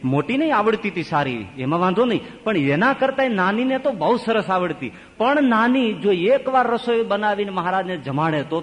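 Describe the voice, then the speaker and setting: A man, a swami, telling a story in a sermon, animated and swinging widely between high and low. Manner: animated, with wide pitch swings. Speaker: swami giving a religious discourse. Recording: long reverb of a large hall.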